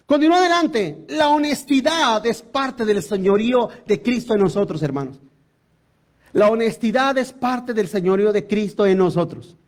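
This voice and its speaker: A male pastor, preaching a sermon emphatically and asking the congregation rhetorical questions. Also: very high voice.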